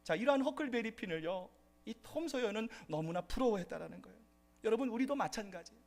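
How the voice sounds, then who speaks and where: A man's voice: sits high, animated, quick pace, vocal fry. A man preaching a sermon as pastor at a church service, addressing the congregation and rising into impassioned outbursts.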